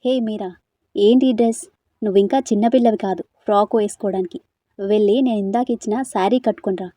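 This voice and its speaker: A woman's voice: mid-range voice, fairly even intonation, fast talker, warm tone, no room sound, studio quality, close to an everyday voice. A woman voicing a domineering young man who bosses and belittles his cousin, in an audio story. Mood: bossy. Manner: bossy, contemptuous.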